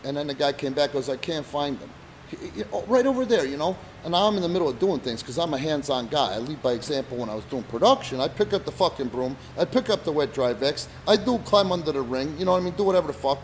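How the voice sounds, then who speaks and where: A man's voice: a little high, animated, quick pace, hardly any pauses, a little hiss or hum, low-quality recording. A middle-aged man co-hosting a casual chat, telling stories in a profane, rambling way. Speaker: podcast co-host, wrestling promoter.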